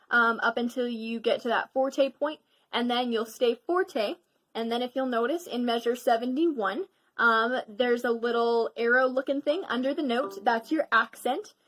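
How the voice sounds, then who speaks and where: A woman's voice: fairly high pitch, normal speed, a bit bright. A teenage girl giving a casual violin section lesson, chatty and encouraging, with lots of ums. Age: teens. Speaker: student violin teacher.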